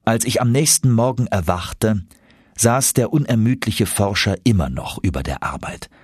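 A man reading first-person audiobook narration in a steady, measured storytelling manner. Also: fairly low pitch, slightly rough, no room sound, clean studio sound.

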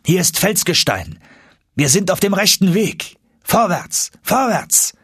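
A man's voice: on the low side, animated, moderate pace, fairly bright tone, breathy edge, dry recording, clean studio sound, full character voice. Man voicing a stern old professor. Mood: excited. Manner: stubborn, commanding, tender at times. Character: stern old male professor, obsessive explorer. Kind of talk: audiobook reading.

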